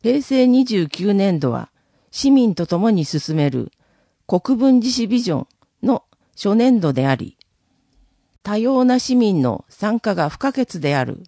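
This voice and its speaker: A city council member delivering a formal prepared statement in a council session, reading it in a measured, official manner. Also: mid-range voice, big pitch swings, gravelly, warm tone, no room sound, clean studio sound.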